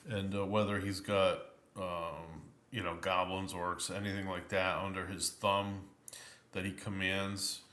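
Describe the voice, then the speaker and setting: A man with a somewhat low, bright voice talks through an old tabletop game book at an unhurried pace. He rambles and halts with many ums and uhs. The room around him is echoey. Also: flat delivery. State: tired, yawning. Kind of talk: casual spoken review of a game book.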